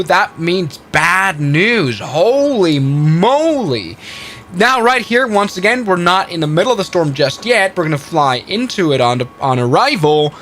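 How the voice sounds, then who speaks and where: On a flight simulator live stream, a man with a fairly bright voice on the high side casually talks through each step aloud and corrects himself as he goes. A little hiss or hum can be heard in the audio.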